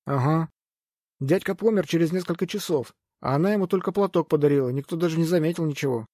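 A man voicing a wounded, scrappy young street lad who talks in a hoarse, nervous way in an audiobook. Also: a little high, quick pace, darkish tone, no echo, studio quality, natural voice. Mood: hushed. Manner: hoarse, nervous boyish chatter. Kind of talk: audiobook character voice.

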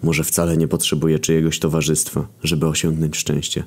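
A man voicing a skeletal male ferryman of the dead who talks calmly, dryly and bluntly. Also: a bass voice, fairly quick.

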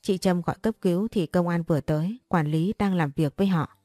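A woman tells a first-person story in a mellow, dark-toned voice, speaking a little low. She reads all the characters' lines in her own voice. The recording is close and dry, with faint music underneath. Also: brisk, no room sound.

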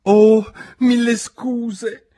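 A man's voice: medium pitch, lively intonation, measured pace, a bit bright, breathy edge, voice pushed up. A man voicing a curious, polite young girl in a storybook reading. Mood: flustered. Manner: eager, apologetic.

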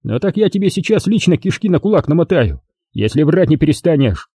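A man voicing a brutal, loud army brigade commander who talks harshly and threateningly in an audiobook. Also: fairly high pitch, sing-song, a little fast, husky, no echo, clean studio sound, voice pushed up, heavily acted. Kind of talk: audiobook character voice.

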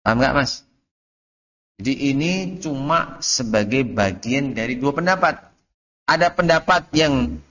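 A man's voice: a little high, fairly bright tone. Man teaching in a dull recording. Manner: reads Arabic text slowly, then explains and quizzes students. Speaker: teacher of Arabic grammar. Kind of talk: classroom lesson.

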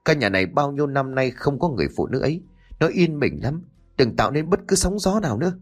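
A man's voice: mid-range voice, big pitch swings, quick pace, faint music behind. A man playing a stern, blunt older brother. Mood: hushed urging. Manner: blunt, commanding.

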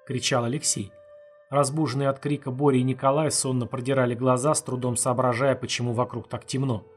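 A man reading a dark novel aloud as an audiobook narrator in an even, measured way. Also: mid-range voice, soft background music. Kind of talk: scripted narration.

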